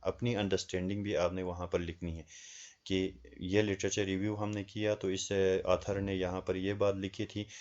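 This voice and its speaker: A man's voice: low voice, little pitch movement, darkish tone, highs cut off. A man with a Pakistani Urdu accent, teaching a lesson and explaining a research assignment step by step with frequent hesitations. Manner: explains slowly with many hesitations, reads questions aloud in English.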